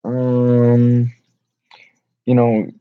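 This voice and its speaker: A man reading and explaining Bible verses in an informal, halting way with many fillers and restarts. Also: medium pitch, monotone, clean tone, dry recording. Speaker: Bible study teacher. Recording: dull lo-fi home recording.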